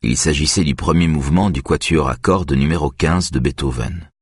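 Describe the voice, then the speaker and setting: A man reading a novel aloud in an even, measured way. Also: very deep voice, slightly rough, no room sound, clean studio sound. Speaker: narrator. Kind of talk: audiobook narration.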